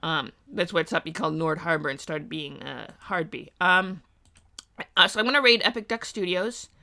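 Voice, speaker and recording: Sleepy, rambling woman streamer, bright voice. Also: lowish voice, moderate pace. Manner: rambling, many ums and uhs, thinking aloud. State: tired, sleepy. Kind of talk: casual live-stream chat. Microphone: streaming mic.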